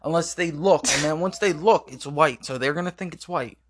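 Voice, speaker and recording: A man's voice: on the high side, fairly quick, fairly bright tone, slight background noise. Rambling, cussing young man. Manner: rambling, profane, repeats words. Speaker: boyfriend answering questions. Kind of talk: casual chat.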